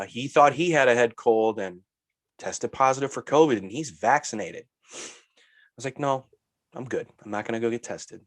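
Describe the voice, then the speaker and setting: Talking casually as a podcast co-host, a man in his late thirties with a head cold comes across blunt and offhand. His voice is medium-pitched and the recording has no room sound.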